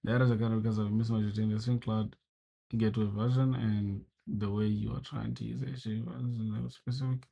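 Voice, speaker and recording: Fairly quick and flat, his lowish voice is creaky and dark with a breathy edge. He's a young man from South Sudan on a casual live coding stream, swearing, venting frustration and addressing viewers as bro.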